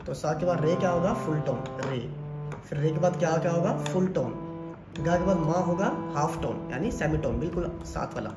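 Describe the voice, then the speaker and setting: A man's voice: fairly high pitch, moderate pace, over loud music. Patient man teaching harmonium scales. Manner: patient, step-by-step, checks in with "ठीक है". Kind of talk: music lesson explaining scales. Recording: roomy with loud harmonium playing.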